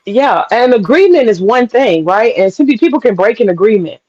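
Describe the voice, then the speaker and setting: A woman's voice: on the high side, a little fast, soft background music. A woman guest on a live-stream panel, chatting casually and emphatically over a video call. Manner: emphatic, animated storytelling. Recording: dull lo-fi call audio.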